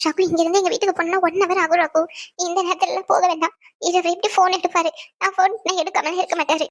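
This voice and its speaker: Woman doing a very high, teary young wife, scared and pleading. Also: little pitch movement, quick pace. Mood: frightened. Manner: pleading, tearful.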